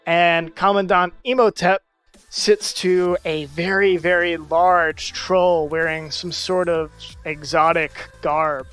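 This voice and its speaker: A man narrating a tabletop game as game master over voice chat, in a loose, rambling, halting way. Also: fairly high pitch, steady tone, a bit bright, clear, resonant tone, soft background music. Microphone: voice chat mic.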